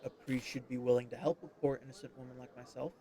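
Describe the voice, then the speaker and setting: A man's voice: medium pitch, little pitch movement, fast talker, warm tone, lightly acted. A man voicing a proud young noblewoman in distress, speaking politely and formally. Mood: pleading.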